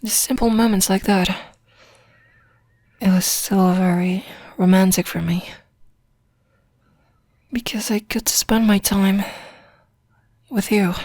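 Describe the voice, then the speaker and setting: Woman for ASMR role-play, sleepy long-distance girlfriend: tender, drowsy, rambling, flat gentle intonation, very dry close sound. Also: mid-range voice, no echo. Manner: soft, drowsy, intimate, rambling with pauses.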